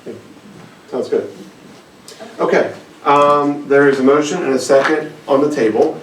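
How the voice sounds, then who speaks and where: A man's voice: fairly high pitch, slight background noise. Man chairing a council vote, echoey. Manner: halting, procedural, with restarts. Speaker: council presiding officer. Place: council chamber. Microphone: distant room mic. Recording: echoey chamber, distant mic.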